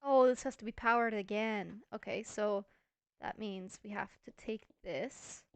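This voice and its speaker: A woman's voice: medium pitch, a little slow, smooth, no room sound. A woman hosting a casual gameplay video, chatty and thinking aloud with playful self-mockery. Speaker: Minecraft let's-play host.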